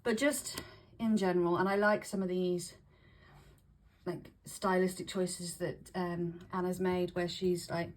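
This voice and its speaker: A woman vlogger chatting casually to camera, breathy and a little short of breath with hay fever, often restarting and repeating her phrases. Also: lowish voice, level tone, measured pace, poor audio. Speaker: vlogger showing tarot decks.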